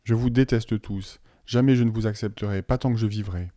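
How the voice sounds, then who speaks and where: A man's voice: fairly low pitch, moderate pace, dark tone, no echo, studio quality, natural voice. A man voicing a frightened but defiant schoolboy who pleads and bursts out in anger. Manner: pleading, rising to angry outbursts.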